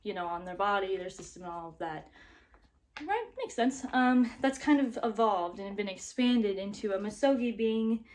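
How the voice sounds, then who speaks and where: A woman's voice: medium pitch, normal speed, hardly any pauses, darkish tone. A woman vlogging casually to camera, upbeat and chatty, with lots of fillers and a slightly breathless sounding voice.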